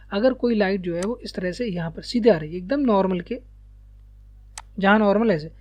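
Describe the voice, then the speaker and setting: A man teaching a lesson, walking students through a diagram step by step and often pausing to check that they are following. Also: high voice, a little mellow. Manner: repeats checks like "ठीक है" and "ध्यान रखिएगा", sprinkles English terms.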